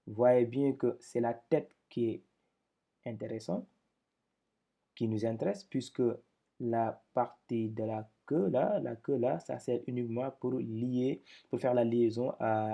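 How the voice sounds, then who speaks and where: A man's slightly husky, breathy voice explains a lesson step by step. He talks slowly and patiently, repeating points. When he drills syllables he speaks up more. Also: medium pitch, dark tone. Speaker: teacher.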